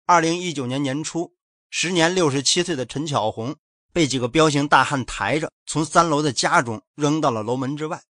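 A man narrates a true-crime case with dramatic suspense. His voice sits slightly high, and the recording is close and dry. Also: normal speed, a bit bright, no room sound.

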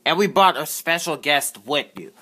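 Man, high bright voice, husky, unhurried, halting improvised character play. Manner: halting, excitable, repeats words and stumbles. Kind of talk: improvised character play-acting for a fan video.

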